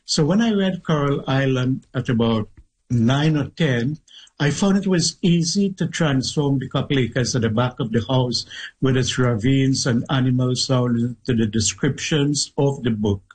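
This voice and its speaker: A middle-aged Trinidadian man reminisces in an interview, his voice husky and a little breathy. He speaks at a measured pace and pauses often to pick his words. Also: mid-range voice, a little mellow, rough recording. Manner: measured, thoughtful, with pauses and restarts. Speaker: guest author. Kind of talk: reflective interview storytelling.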